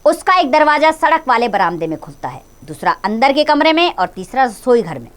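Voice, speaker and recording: A woman's voice: high-pitched, big pitch swings, brisk. A woman teacher reading a textbook play aloud and explaining it to children. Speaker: school teacher.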